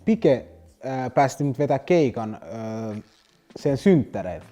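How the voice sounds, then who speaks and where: Young male rapper, rambling anecdotes, dark mellow voice, faint music bed. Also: medium pitch, big pitch swings. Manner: loose, rambling slang-heavy telling with restarts. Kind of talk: casual storytelling interview.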